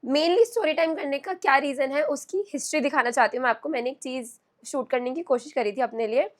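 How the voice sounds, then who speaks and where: A woman vlogger with a hoarse voice, talking in a chatty, animated way at home. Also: sits high, fast. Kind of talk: casual storytime vlog. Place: at home, indoors.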